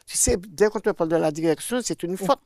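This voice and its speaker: A woman's voice: lowish voice, fairly quick, gravelly, no echo, studio quality. Older Martinican woman telling her testimony. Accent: Martinican French. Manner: animated, acts out quoted dialogue with swings in loudness. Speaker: guest sharing a faith testimony. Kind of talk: personal testimony storytelling.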